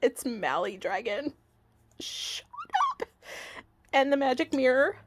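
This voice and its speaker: Gushing woman with a lively, slow voice. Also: high voice, slight background noise. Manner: gushing and excitable, many fillers. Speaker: vlogger. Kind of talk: casual unboxing chat. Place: home office.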